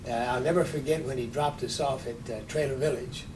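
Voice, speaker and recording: An older man in his nineties recalls his life in an office interview, unhurried and dryly funny. He sits at a distance from the mic, and a steady low rumble runs under his voice. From Texas. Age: 90s. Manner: unhurried storytelling with dry humor. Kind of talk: oral history interview. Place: office with large windows.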